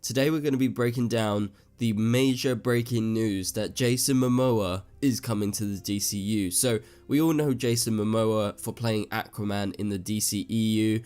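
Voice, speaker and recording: A man with a fairly low, steady, clear voice that is resonant and a little mellow speaks at a moderate pace with hardly any pauses. He hosts his own YouTube show, giving casual, chatty news commentary to camera with frequent asides. His voice sounds slightly off as he recovers from an illness.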